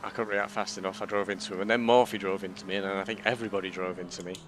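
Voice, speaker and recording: Low voiced guy chatting through his race, car engine noise clearly behind. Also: steady tone, very fast, a bit bright. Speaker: sim racer commentating on his own race. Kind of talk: casual driving commentary.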